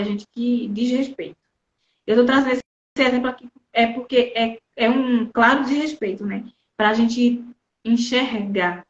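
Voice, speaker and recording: A woman with a Brazilian Portuguese accent giving a conversational Bible teaching to women, speaking directly to her listeners. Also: on the high side. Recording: dull, roomy recording.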